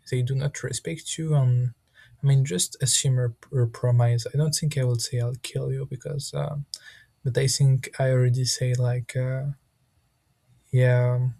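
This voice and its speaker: Halting man with a gravelly voice. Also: medium pitch, warm tone, no room sound. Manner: hesitant, searching for words with many restarts. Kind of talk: casual spoken monologue.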